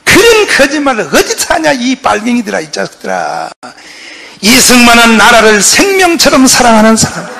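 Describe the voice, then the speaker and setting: A man, a pastor giving an impassioned public lecture, who shouts often and fires rhetorical questions at his audience. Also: very high-pitched, very animated, moderate pace, creaky, slight background noise.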